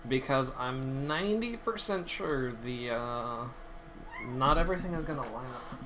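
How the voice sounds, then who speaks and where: Man, lively up-and-down voice, mutters to himself while working, noisy stream mic with keyboard clatter. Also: medium pitch, measured pace. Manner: thinks aloud, muttering at his own work. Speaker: streamer and 3D designer. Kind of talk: casual chat while modeling.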